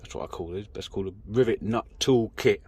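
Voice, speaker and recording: A British man with a lowish, slightly mellow voice and a breathy edge talks briskly. He's a vlogger doing amateur vehicle DIY, rambling casually into a handheld camera with a self-deprecating walkthrough as he works on an off-road vehicle outdoors. The handheld phone or camera mic gives a noisy recording with vehicle ambience.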